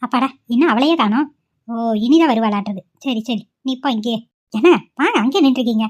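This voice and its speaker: A woman talks in a high voice at a rapid clip, trading quick village chatter in a cartoon. The sound is dull and lo-fi. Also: lively intonation. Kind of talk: cartoon voice acting, several village women. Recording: dull lo-fi audio.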